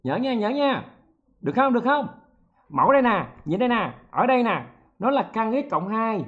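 A man's voice: extremely high pitch, moderate pace, muffled recording. Joking male math teacher. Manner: lively, joking, checks in often with the students. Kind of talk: online exam-prep lesson.

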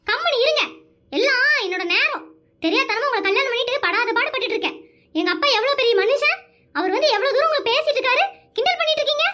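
A whiny young wife from a Tamil cartoon, voiced by a woman, her voice pitched very high. She pleads and whines in drawn-out calls. It is homemade animation voicing. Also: lively intonation, sharp tone, heavily acted. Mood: indignant.

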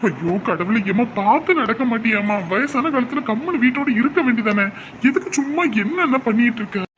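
A man's voice: very high-pitched, expressive, a little fast, noisy background. A young man playing a husband and son who grumbles and sounds exasperated.

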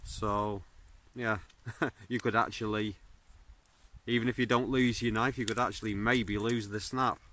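A man, reviewing a knife in a birch forest, talking casually with plenty of fillers. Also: medium pitch. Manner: relaxed, unhurried, many fillers and restarts. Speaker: bushcraft video host. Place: birch forest outdoors, smoky campfire. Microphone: phone or camera at arm's length.

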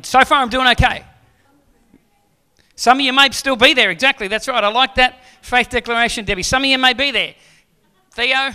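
On a church stage, a pastor in his forties preaches a sermon into a handheld mic, joking with the audience before pressing them with questions. His voice is extremely high, pushed and bright.

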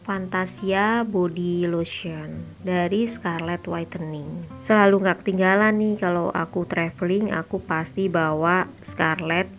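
A young adult woman narrating her travel vlog in a calm voice-over, promoting body care products. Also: on the low side. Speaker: travel vlogger.

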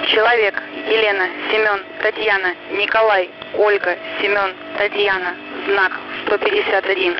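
A military radio operator reading coded groups in steady, measured radio procedure, heard over a field radio link. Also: mid-range voice. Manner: steady, measured spelling of call-sign words and numbers, repeated in blocks. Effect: transmitted over a field radio link. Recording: muffled radio with loud static.

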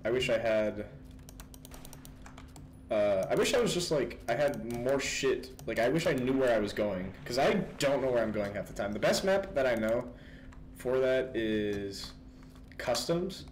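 A man's voice: medium pitch, expressive, unhurried, a little hiss or hum. A young man chatting casually about a game, rambling with lots of fillers and laughing often. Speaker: gaming video host. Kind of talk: casual gaming chat.

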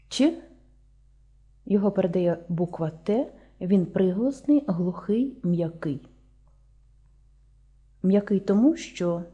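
A Ukrainian woman teaches a lesson, breaking each word down sound by sound. Her voice is very dark and mellow, with a husky edge, pitched a little low. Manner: slow, deliberate, spelling out sounds one by one.

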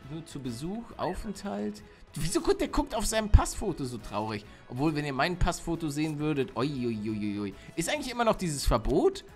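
A man's voice: fairly high pitch, sing-song, a little fast, a little mellow, soft background music. A man with a German accent giving jokey let's play commentary, reading game text aloud. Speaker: gaming YouTuber.

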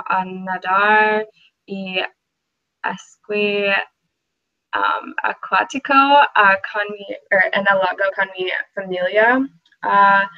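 Young woman, hesitant, self-correcting, very slow, bright tone, muffled lo-fi webcam. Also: medium pitch. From Minnesota, USA. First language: English. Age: young adult. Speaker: Spanish student. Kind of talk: scripted class oral exchange. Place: small room indoors. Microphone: webcam at desk. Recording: dull lo-fi webcam audio.

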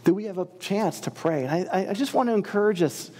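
A man's voice: high-pitched, lively intonation, fairly quick, dark tone, breathy edge, long reverb tail. A male lead pastor giving a sermon in a church, reading scripture earnestly and expressively. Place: church sanctuary.

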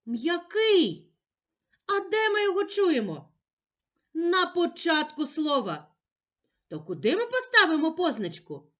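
A woman teacher with a Ukrainian accent, leading a slow, clearly spoken reading lesson for young children, patiently asking and answering her own questions and stretching out the sounds. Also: very high-pitched, huge pitch swings, fairly bright tone.

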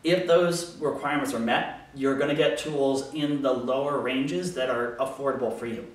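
An American man in his thirties, a woodworker, hosts a Q&A video from his small indoor home workshop, casually explaining things to camera. His mid-range voice is steady and moderately paced. The mic is distant and the room is very echoey.

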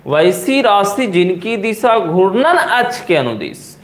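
A man with a Bihari accent teaching physics in a coaching classroom, repeating key terms slowly and asking and answering his own questions. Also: sits high, sing-song. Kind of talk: classroom lecture at a board.

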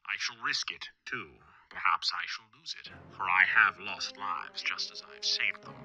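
A man voicing a mysterious vigilante who speaks from the darkness in a slow, low, grave whisper. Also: sharp tone, soft background music, exaggerated voice, poor audio. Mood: commanding.

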